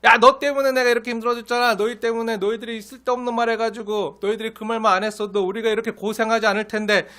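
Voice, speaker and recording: A preacher putting on a whiny accusing grumbler. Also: male voice, very high voice, level tone, fast talker, few pauses, pushed and bright, voice pushed up. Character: grumbling man of a crowd of freed slaves.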